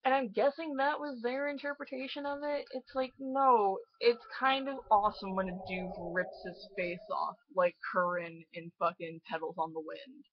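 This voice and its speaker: A woman's voice: mid-range voice, fairly even intonation, normal speed, hardly any pauses, no room sound, muffled recording. A young woman in her late teens giving a casual, profane, exasperated movie review and laughing often.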